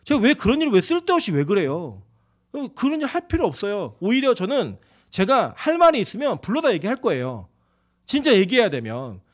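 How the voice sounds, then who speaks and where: A fast-talking male pastor in his forties delivers a sermon from a church pulpit. His voice sits high for a man and leaps around expressively. He drops into chatty asides and acted-out dialogue. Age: 40s. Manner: animated, conversational preaching with quoted asides. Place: church sanctuary.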